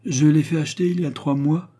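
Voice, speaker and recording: A man voicing a scheming, mocking baronet of about thirty, raising his voice to sound smooth, teasing and coldly calculating in an audiobook reading. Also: a little high, steady tone, fairly quick, warm tone, voice pushed up.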